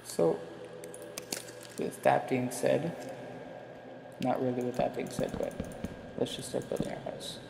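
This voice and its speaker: This is a young YouTuber narrating gameplay in a rambling, casual, self-deprecating way, with a slight impediment from his retainer. His medium-pitched voice holds a steady tone at a measured pace, marked by vocal fry and long pauses. Music and background noise fill a roomy, echoing space.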